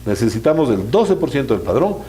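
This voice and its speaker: Man, political interviewee, warm dark tone, lively intonation, faint noise. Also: medium pitch, brisk. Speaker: political activist, interview guest.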